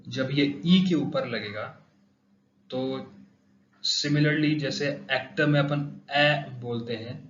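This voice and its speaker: A man teaching a pronunciation lesson at a slow, careful pace, saying each example word twice so listeners can repeat it. His voice sits in the middle range and carries a roomy echo. The recording sounds a little dull and lo-fi. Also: medium pitch, a little hiss or hum. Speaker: language teacher.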